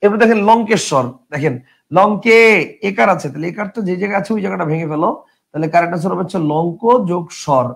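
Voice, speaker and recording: Male tutor, high and gravelly, explains step by step with questions. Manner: drawls example words slowly, mixes in English words. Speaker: teacher. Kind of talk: Bengali grammar lesson.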